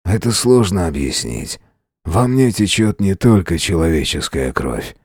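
A man voicing a hoarse, creaky-voiced stranger over a hundred years old, calm and matter-of-fact, in an audiobook. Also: sits low, unhurried, no echo, studio quality, exaggerated voice. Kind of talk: audiobook character voice.

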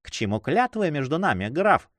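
A man voicing a quick-witted, mischievous young noblewoman who teases and laughs at the lovers. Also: a little high, dry recording, clean studio sound, pitched above the performer's own voice. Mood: teasing. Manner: mocking, laughing, lively.

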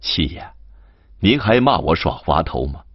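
A crafty young servant who flatters and needles his master in a coaxing, teasing voice, acted by a man. His voice stays low and husky, drawn out slowly with lively swings in pitch. It is an audiobook figure on a dull, lo-fi recording. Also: no echo, heavily acted. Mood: teasing, wheedling. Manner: teasing and wheedling.

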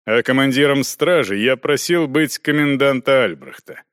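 A man reading an audiobook, voicing a stubborn knight inquisitor who speaks loudly and firmly in measured phrases. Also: medium pitch, clear, resonant tone, no echo, clean studio sound, natural voice. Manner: firm, loud, measured. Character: stern stubborn male knight inquisitor, bold.

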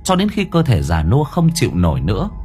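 A man narrating a horror story in an expressive, dramatic way. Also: mid-range voice, a little fast. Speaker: audiobook narrator. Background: faint music.

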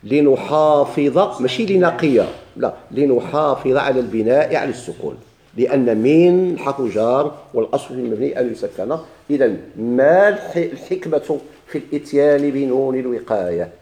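Teaching a grammar lesson with a Moroccan Arabic accent, a man asks his class questions, answers them himself, and repeats the key points. His mid-range voice is dark, expressive, and brisk.

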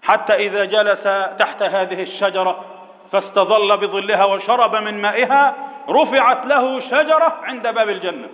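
A man's voice: high-pitched, moderate pace. A man preaching a sermon, retelling a story and drawing out key words as he addresses his listeners as brothers. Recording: echoey hall, dull lo-fi sound.

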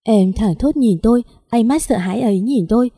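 A woman's voice: on the high side, fairly quick, mellow, slightly rough, long reverb tail. Somber woman narrating an audio story. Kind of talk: scripted first-person story narration.

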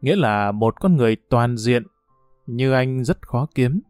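A man reading a story aloud in a measured, expressive way. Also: medium pitch, no echo, clean studio sound, faint music behind. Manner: measured, expressive reading that changes voice for quoted speech. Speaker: audiobook narrator. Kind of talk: storytelling narration.

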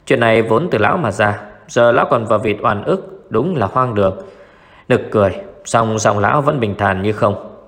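Low-voiced male audiobook narrator. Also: normal speed, a bit bright, big-room sound. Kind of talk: first-person audiobook narration.

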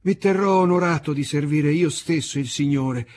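A man doing a shrill, toothless old waiter. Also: moderate pace, darkish tone, close to an everyday voice. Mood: overjoyed. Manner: shrill, squealing exclamations. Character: toothless old male waiter in his seventies, fawning and overjoyed.

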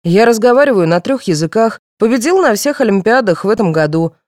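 A woman reading the part of a clever, cheeky teenage boy who calmly argues back. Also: medium pitch, a little fast, no room sound, clean studio sound, voice pushed up, natural voice. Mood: smug. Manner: calm, reasoning, pert.

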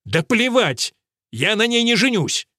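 Putting on an exaggerated, high, sing-song voice above his own natural pitch, a man plays a proud young carpenter protesting indignantly and defiantly. He speaks a little slowly in a pushed, bright tone, and the studio-quality recording has no echo.

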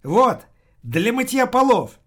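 A man voicing a cheery, simple-minded, toothless old cleaning woman in a high, loud put-on voice. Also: big pitch swings, slow, full character voice.

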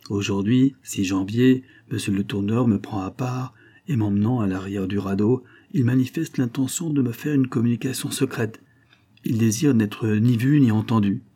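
A man giving a measured, steady reading of a novel as an audiobook narrator. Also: mid-range voice, husky. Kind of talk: scripted literary narration.

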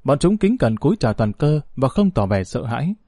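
A man narrating a novel in a steady, even reading voice. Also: medium pitch, brisk, no room sound, clean studio sound. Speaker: audiobook narrator. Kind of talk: scripted narration.

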